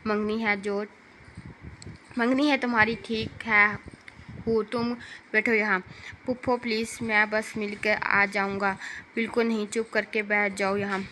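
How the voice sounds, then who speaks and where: A woman's voice: medium pitch, little pitch movement, moderate pace, pushed and bright, slight background noise. A woman reading a light comic novel aloud as narrator, voicing every character herself.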